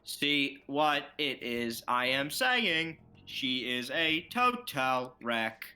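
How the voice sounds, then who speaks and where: A man's voice: medium pitch, very animated, very slow, pushed and bright, faint music behind, exaggerated voice. A man voicing a scheming old man who pretends to be a cheerful elderly customer, with sly, mock-robotic threats. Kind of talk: fan comedy dub.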